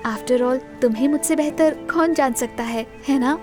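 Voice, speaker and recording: A woman voicing a gentle teenage girl, high and soft. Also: measured pace. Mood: teasing. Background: background music.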